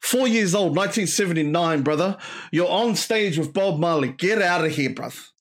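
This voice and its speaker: A man's voice: high voice, animated, normal speed. A man chatting casually and slangily as a podcast host. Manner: slangy, says bro often. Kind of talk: casual chat.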